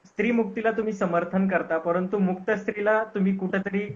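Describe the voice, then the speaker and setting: A man's voice: sits high, fairly even intonation, brisk, muffled recording. A man hosting an interview, asking polite, hesitant questions with filler sounds. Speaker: interview host.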